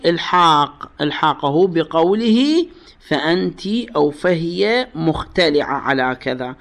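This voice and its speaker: An Iraqi man teaching religious law in a lecture. His voice is a little high for a man, with a gravelly, fry-laden edge. He explains patiently, says the key phrases twice and keeps asking his students questions. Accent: Iraqi Arabic. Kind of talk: classroom lecture on jurisprudence.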